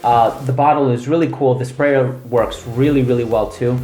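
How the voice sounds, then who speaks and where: A male host gives a casual, laid-back product review at a medium pitch. His voice bounces around an echoey room, with music playing underneath. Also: fairly even intonation, moderate pace, dark tone. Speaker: fragrance reviewer and channel host. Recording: roomy echo with music underneath.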